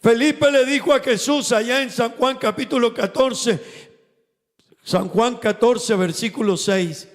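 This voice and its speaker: A man preaching a sermon in a church hall, retelling scripture scenes and slowing down to stress the quoted words. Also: very high-pitched. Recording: long reverb of a church hall.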